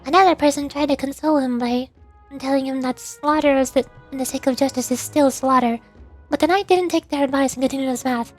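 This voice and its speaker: This woman streamer has a high-pitched voice and a brisk delivery, switching from easygoing chat to reading game lore aloud. Giggly, easily puzzled and quick to poke fun at herself, she talks over faint game music.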